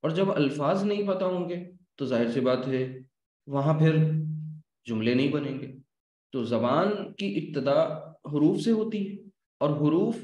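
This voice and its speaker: A man teaching an Arabic language class, explaining slowly and asking his students questions. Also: on the high side, a little mellow. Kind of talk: classroom lecture. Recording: echoey room.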